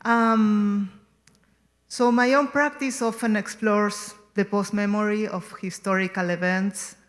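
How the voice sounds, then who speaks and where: A woman's voice: mid-range voice, fairly even intonation, measured pace. A woman in her forties from Argentina giving a gallery talk as the guest artist, hesitant, with many ums and restarts. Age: 40s. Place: museum gallery.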